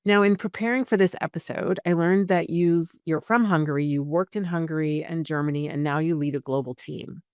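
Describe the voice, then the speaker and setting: A middle-aged woman hosts a podcast interview, keeping it a casual, encouraging chat full of fillers and restarts. Her low, smooth voice has a darkish tone and moves fairly quickly with hardly any pauses. There is no echo.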